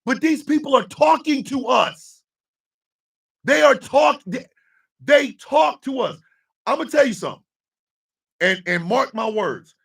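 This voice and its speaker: A man in his fifties hosting a live stream, ranting with profanity and often breaking into shouts. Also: very high voice, expressive, unhurried, gravelly, long pauses, husky, distant mic. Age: 50s. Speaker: host.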